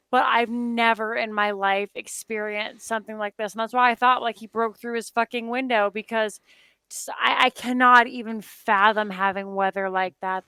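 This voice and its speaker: Bright, crisp-voiced young woman from Phoenix. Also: fairly high pitch, dry recording. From Phoenix, Arizona, United States. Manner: swears casually, stammers and repeats words. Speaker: co-host. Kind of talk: casual reaction chat.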